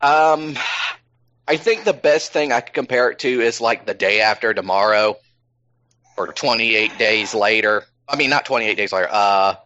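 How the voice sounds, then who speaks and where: A man's voice: on the low side, moderate pace, sharp tone. A man chatting casually as a podcast host, rambling with many ums and restarts. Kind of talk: casual chat. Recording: slightly dull lo-fi sound.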